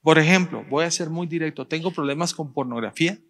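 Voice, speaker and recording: A man, a pastor preaching a sermon in church, speaking directly to the congregation and slowing down to stress his points. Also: a little high, fairly bright tone. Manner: direct, addresses the congregation, rising emphasis and slow stressed phrases.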